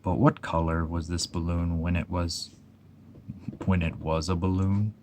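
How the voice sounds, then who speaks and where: A man voicing Eeyore, a gloomy old male donkey in a storybook reading, speaking in a slow, mournful murmur. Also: low-pitched, level tone, noisy background.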